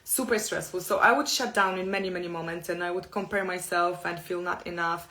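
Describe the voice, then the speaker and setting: A middle-aged Polish woman, a native Polish speaker, talks in English with a Polish accent, delivering an earnest, open self-help talk in slow, careful phrases. Her voice is lowish, pushed and bright, with fairly even intonation.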